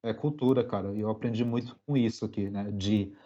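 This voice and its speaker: A young Brazilian man, a podcast guest, telling a story in a relaxed, slangy way with many fillers. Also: lowish voice, fairly quick, muffled recording. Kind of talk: casual storytelling interview.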